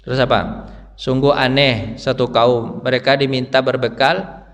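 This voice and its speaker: A man teaching a dawn study circle in a mosque, quizzing the congregation and answering himself, his pitch swinging up high to stress a point. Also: steady tone, measured pace. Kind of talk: interactive mosque lecture. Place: mosque hall. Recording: reverberant hall sound.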